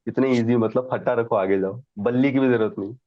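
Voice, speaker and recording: A man's voice: mid-range voice, fairly quick, dry recording, phone-quality sound. A man telling stories as an interview guest, laughing often and mixing in English phrases. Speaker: guest, defence exam candidate. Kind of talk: casual storytelling chat.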